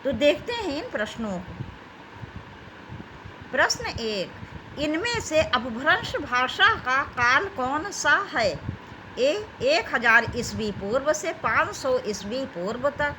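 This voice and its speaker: Lively slow-paced woman teaching grammar. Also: high-pitched, background noise. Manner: addresses students warmly as children, reads options aloud. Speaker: Hindi teacher. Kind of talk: exam-prep grammar lesson.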